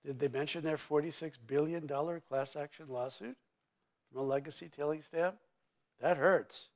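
A man's voice: fairly high pitch, normal speed. An older man being interviewed on a conference stage, talking in an emphatic, blunt and sweeping way with vivid turns of phrase, on a lapel mic. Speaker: mining executive interviewee. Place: conference stage before an audience.

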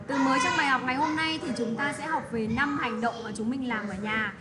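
A woman's voice: high-pitched, over a noisy crowd. Patient woman teaching kids English. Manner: patient, slow model pronunciation with tag questions. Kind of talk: English lesson for children, explained in another language. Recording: steady background noise.

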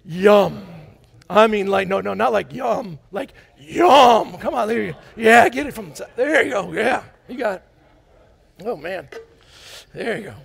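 A man in his forties preaching a sermon as pastor in a church sanctuary, animated and playful, drawing the congregation in. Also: high voice, measured pace, gravelly, husky. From United States. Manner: walks about the stage as he preaches. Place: large church sanctuary, indoors.

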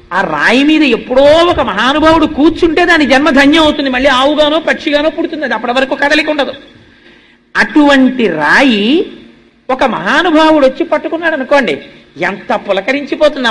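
A man's voice: high voice, sharp tone. A man giving a devotional storytelling sermon. He asks and answers his own rhetorical questions and acts out the speech of the figures in the story. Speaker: religious discourse speaker.

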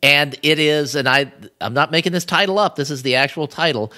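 A man with a fairly high, bright voice hosts a podcast in casual chat. He talks loosely and often restarts his sentences as he introduces the story. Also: fairly quick. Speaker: podcast host.

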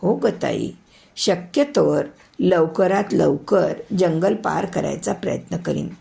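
A woman reading the lines of a young man traveling home, a steady, commanding brother figure in a spoken story. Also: lowish voice, takes it slowly, gravelly, heavily acted. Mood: calm. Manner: urgent commands in the danger scene.

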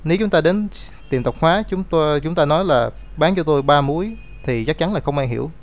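A man's voice: a little high, lively intonation, fairly quick. A man teaching an English grammar lesson, explaining rules step by step and reading out example words.

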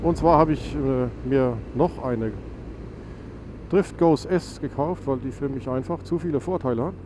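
A man talks into his helmet mic while riding, his voice stuffy and nasal from a cold. He rambles along, corrects himself and drops plenty of fillers. Engine and wind noise roar clearly behind him. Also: mid-range voice, measured pace. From Germany. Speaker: motovlogger. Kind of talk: casual chat while riding. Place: outdoors on a motorcycle on a country road. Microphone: helmet mic on a motorcycle. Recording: noisy motorcycle wind and engine.

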